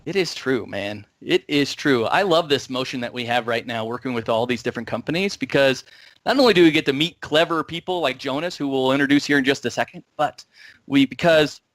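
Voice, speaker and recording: A man's voice: medium pitch, animated, brisk, fairly bright tone, no echo. A man hosting a tech talk show, upbeat and joking, rambling with restarts. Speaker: podcast host. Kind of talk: casual tech show chat.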